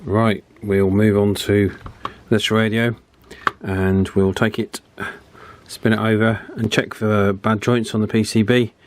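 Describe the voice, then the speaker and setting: In a dry recording, a man speaks slowly in a lowish, level voice while doing an electronics repair. He hosts a repair channel and keeps the commentary casual, unscripted and chatty, often adding tag questions.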